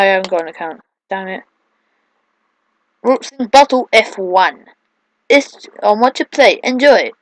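A woman doing excitable, casual let's play commentary, mixing drawn-out exclamations with quieter asides. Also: medium pitch, dry recording, rough recording. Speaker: gaming video host.

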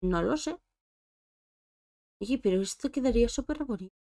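Playing a life-sim game, this woman streamer chats casually and addresses her characters directly. She sounds animated, with a slightly high, mellow voice at normal speed.

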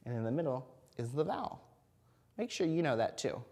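A man's voice: mid-range voice, sing-song, a little fast, darkish tone. A man in his thirties giving a phonics lesson, speaking simply and encouragingly as if to a small child. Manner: sounds out and spells words letter by letter. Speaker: kindergarten reading teacher. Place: indoors at an interactive whiteboard.

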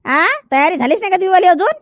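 A woman's voice: very high voice, expressive, fast talker, dry recording, studio quality. A woman doing an eager village errand boy. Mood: urging. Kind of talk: village comedy skit.

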